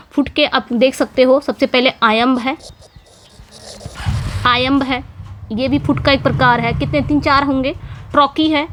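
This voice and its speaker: A woman English teacher giving an exam-prep lecture on poetic meter, explaining patiently and repeating her points with frequent checks for understanding. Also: sits high. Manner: repetitive teacherly explaining with frequent "theek hai" and "okay" checks.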